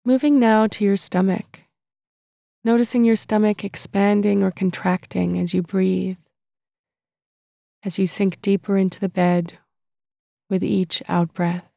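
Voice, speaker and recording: Female meditation narrator: soft, relaxed and soothing, slow phrasing with long pauses, very dry close sound. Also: medium pitch, gravelly, dry recording. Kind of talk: guided body-scan meditation narration.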